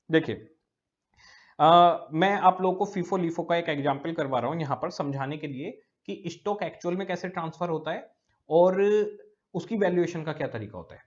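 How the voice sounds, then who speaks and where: A man's voice: a little high, dull audio. A male teacher giving a recorded lecture. He explains step by step, repeating key words and often checking that students follow.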